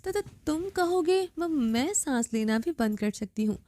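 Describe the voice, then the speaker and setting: A frightened young woman , put on by a woman narrator, stammers and begs through tears in a storybook reading. Her voice rides high and breaks into broken syllables. The tone is soft and dark, with a close, dry sound. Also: no room sound, close to an everyday voice. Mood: terrified. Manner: stammering, tearful pleading.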